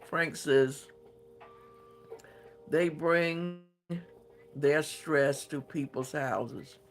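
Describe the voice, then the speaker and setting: A man's voice: a little high, drawn-out words, faint music behind. A man hosting a craft livestream, reading viewer comments aloud and answering them in a hesitant, thinking-aloud way.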